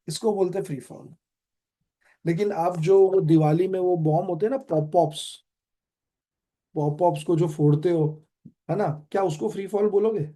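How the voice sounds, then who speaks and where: A man's voice: a little high, dark tone. A young adult man with an Indian accent teaching a physics class, quizzing students as he goes and mixing Hindi with English. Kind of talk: online class lecture.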